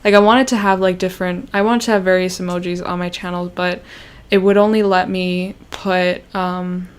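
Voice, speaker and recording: A woman's voice: on the low side, level tone, normal speed, clear, resonant tone. A young woman from Canada chatting on a livestream, rambling with many fillers and restarts and sounding self-conscious. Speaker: YouTuber hosting a livestream. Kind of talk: casual livestream chat.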